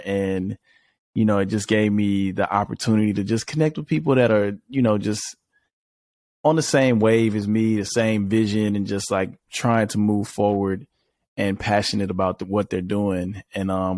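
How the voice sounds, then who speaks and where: Podcast host, a man, casual and easygoing, lowish voice, dry close mic. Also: little pitch movement, normal speed, darkish tone, no echo. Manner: laid-back, many fillers like "you know". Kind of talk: casual interview chat.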